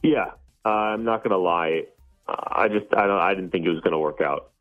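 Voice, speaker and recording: A man's voice: low voice, a little fast. Man, heard over the phone, tinny narrow sound, hesitant, sheepish, lots of fillers. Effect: heard over a phone line. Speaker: caller on a radio dating segment. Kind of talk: casual phone conversation. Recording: tinny phone line with faint music.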